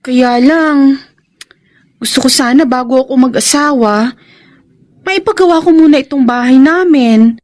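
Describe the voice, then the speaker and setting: A woman's voice: sits high, a little slow, pauses often, darkish tone. An actress playing Trixie, a young scheming girlfriend with a sweet, coaxing way of talking, in a radio drama.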